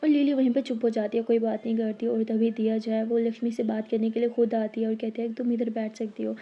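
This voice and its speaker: A woman narrating a love story in a calm, conversational storytelling way. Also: a little high, quick pace. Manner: calm, conversational, clears throat now and then. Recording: slightly dull lo-fi audio.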